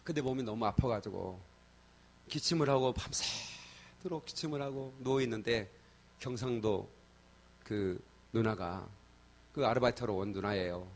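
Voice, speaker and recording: A middle-aged male pastor preaching a sermon in a church, telling personal stories in a lively colloquial way, swinging from loud exclamations to soft asides and often checking in with the congregation. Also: medium pitch, normal speed. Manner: colloquial, addresses congregation with repeated "예?". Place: church sanctuary.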